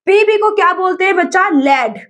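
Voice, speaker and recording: A woman's voice: extremely high pitch, animated, normal speed, a bit bright. A woman with an Indian accent teaching an exam-prep lesson, calling her students children, asking them questions and answering them herself, and mixing English terms into her speech.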